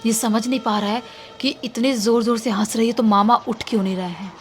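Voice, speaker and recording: A woman with a fairly high voice tells a horror story dramatically, sinking into a hush when the tension builds. Faint music sits under her voice. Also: steady tone, brisk. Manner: dramatic, hushed at tense moments.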